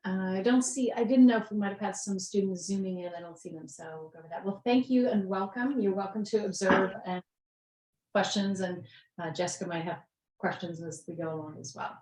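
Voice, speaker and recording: A woman in her fifties chairing a town committee meeting, friendly and quick to laugh. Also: medium pitch, a little mellow. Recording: echoey meeting room.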